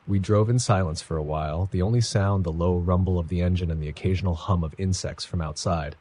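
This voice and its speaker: Low, husky male narrator for somber scripted first-person horror audiobook. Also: brisk, mellow.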